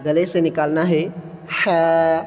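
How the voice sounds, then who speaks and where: A man teaching how to pronounce letters, stretching each sound slowly and plainly correcting mistakes. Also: fairly high pitch, fairly even intonation. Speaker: Quran reading teacher. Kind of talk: slow letter-by-letter pronunciation lesson. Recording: long reverb, dull lo-fi sound with soft music.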